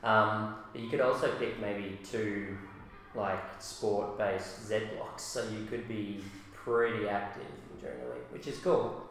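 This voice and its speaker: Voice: medium pitch, a little slow. Teacher's voice in a big hall echo. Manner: relaxed questioning, many fillers. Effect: big hall echo, long reverb on the voice. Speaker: teacher hosting students. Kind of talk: casual podcast chat. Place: echoey room at a school. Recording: echoey roomy recording with long reverb and faint ambient hiss.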